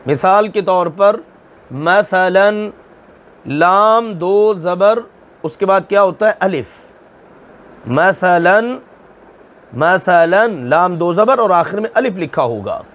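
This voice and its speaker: Male Quran teacher, high-pitched, slow and methodical; asks his own questions, then drawls out the examples. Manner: slow, deliberate explaining, asking and answering his own questions; draws out recited examples syllable by syllable. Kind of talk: recorded tajweed lesson.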